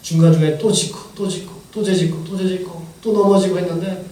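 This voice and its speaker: A man's voice: sits high, steady tone, fast, mellow. A man giving a church testimony as a missionary, telling his story with strong emotion that rises and falls. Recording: echoey church hall from far off, faint noise.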